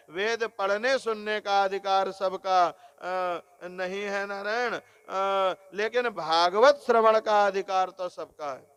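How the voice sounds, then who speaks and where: Slow, high-voiced man giving a sermon. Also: a bit bright, clear, resonant tone. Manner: calls listeners "Narayan", explains slowly with repeated phrases. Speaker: religious discourse speaker. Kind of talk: devotional sermon on scripture.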